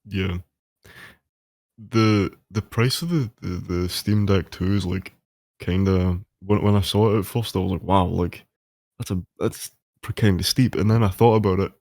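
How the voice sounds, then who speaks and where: A man's voice: sits low, steady tone, a little mellow, no room sound, clean studio sound. A young man hosting a casual podcast, often stumbling and repeating words and reacting with amazement. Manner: halting, repeats words, awed exclamations. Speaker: podcast host. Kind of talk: casual chat.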